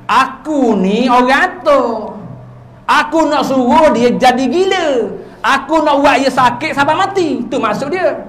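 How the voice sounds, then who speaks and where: A man with a Terengganu Malay accent giving an evening lecture as a religious teacher in a village prayer hall, telling stories with sudden swings between loud and soft. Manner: lively storytelling with sudden swings in pitch and loudness.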